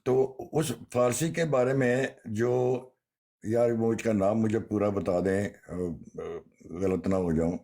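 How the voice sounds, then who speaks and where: A man in a religious debate who speaks in a measured, hesitant way and reads verses slowly. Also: fairly low pitch, fairly even intonation, dark tone. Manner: measured, hesitant, with pauses and fillers.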